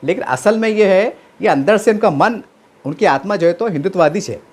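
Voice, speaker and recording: A man's voice: sits high, expressive, brisk. A man giving impassioned political commentary, asking rhetorical questions and answering them himself.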